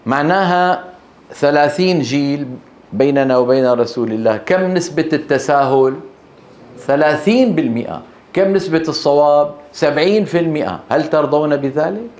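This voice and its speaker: A man's voice: a little high, darkish tone. A man with a Levantine Arabic accent teaching Quran recitation to a class in a hall, speaking emphatically and quizzing his students with short questions. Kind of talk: classroom lecture. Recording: echoey room.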